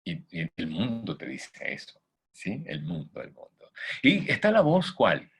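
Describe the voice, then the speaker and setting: Husky, lively-voiced motivational coach man. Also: on the low side. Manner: emphatic, asks listeners rhetorical questions. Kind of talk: motivational talk with faith content.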